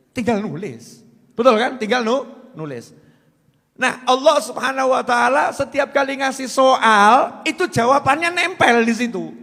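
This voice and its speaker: A man preaching a sermon in a lively, joking way, swinging from loud to soft. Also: sits high, vocal fry. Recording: long hall reverb.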